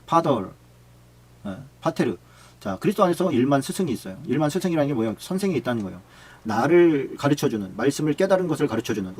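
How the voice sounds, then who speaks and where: A man's voice: mid-range voice, darkish tone, slightly rough. A male pastor giving a sermon in a conversational way, asking rhetorical questions and acting out everyday quarrels. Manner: conversational preaching with frequent rhetorical questions and acted-out quotes.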